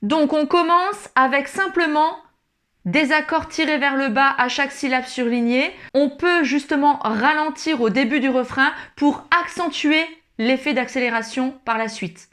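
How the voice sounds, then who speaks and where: A woman's voice: high-pitched, measured pace. A woman teaching ukulele in an online tutorial, encouraging and talking straight to the learner. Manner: encouraging, speaks directly to the learner. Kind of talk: friendly online music tutorial. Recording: loud ukulele playing under the voice.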